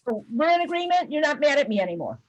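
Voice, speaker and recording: A woman math teacher chatting briskly and warmly with her students on a video call, with lots of fillers. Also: high voice, sing-song, lo-fi sound. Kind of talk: casual talk with students after class.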